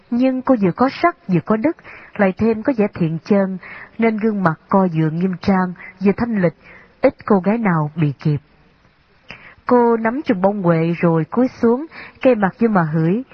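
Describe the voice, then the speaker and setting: A woman narrating a storybook in an even, unhurried reading manner. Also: medium pitch, no room sound. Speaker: audiobook narrator. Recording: slightly dull, dry lo-fi recording.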